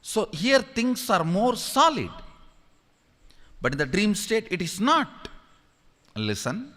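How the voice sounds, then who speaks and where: A male spiritual teacher delivers a discourse at an unhurried, deliberate pace, and his pitch swings widely as he stresses points. He keeps urging the audience to listen and asks them questions. His voice carries a long reverb, as if spoken in a large hall. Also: big pitch swings, bright, forceful tone.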